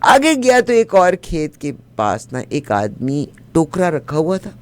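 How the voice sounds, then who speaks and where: A man's voice: fairly high pitch, unhurried. A man with a Punjabi accent playing a chatty middle-aged woman who tells a comic folk tale and chants its funny lines over and over. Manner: lively, animated narration with repeated chants. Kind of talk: comic storytelling.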